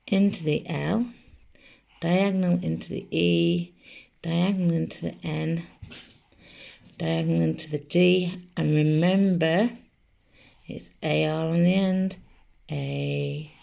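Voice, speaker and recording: A woman's voice: low voice, fairly even intonation, slow, vocal fry, long pauses, mellow. A woman teaching a spelling lesson to children, patiently sounding out each letter. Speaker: primary school teacher.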